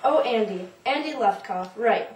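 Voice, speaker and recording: A woman's voice: a little high, animated, measured pace, darkish tone. A woman playing a nervous, evasive elderly woman in an audition monologue, rambling and dodging the question, recorded from a distance in a roomy space. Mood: flustered. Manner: rambling, flustered, dodges the question. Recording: roomy, from a distance, faint noise.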